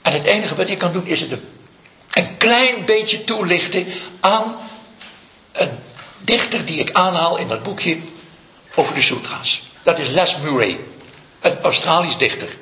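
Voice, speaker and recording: A man, a Zen teacher, giving a slow, reflective dharma talk full of stories. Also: on the high side, lively intonation, bright, forceful tone. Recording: echoey room, dull lo-fi sound.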